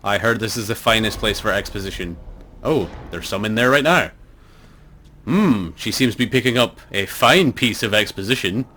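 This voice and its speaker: A man puts on a pompous customer with exaggerated politeness for a comic game review. The voice sits fairly low. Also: lively intonation, normal speed, bright, forceful tone, a little hiss or hum. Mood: mock-polite.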